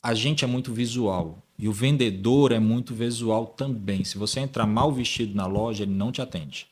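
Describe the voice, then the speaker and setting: Host: Brazilian man, mid-pitched, lively storyteller who imitates the people he quotes. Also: moderate pace, slightly rough. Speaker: podcast host. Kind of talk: casual podcast chat.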